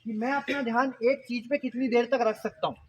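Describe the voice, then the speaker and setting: This very high-pitched man talks briskly and in a steady tone while hosting a mind-power workshop for students, playfully quizzing the room. There's slight background noise.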